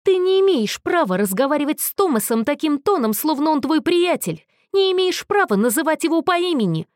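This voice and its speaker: Lady putting on a high, snarling young guy about to snap, bitter and loud, dry close audio. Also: very animated, brisk, dry recording. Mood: furious, accusing. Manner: snarling, raised, accusing voice. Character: volatile, bitter young man on edge.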